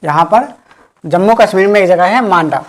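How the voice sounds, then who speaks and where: A woman teaching an exam-prep history class, repeating key points slowly and quizzing the listeners. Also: lowish voice.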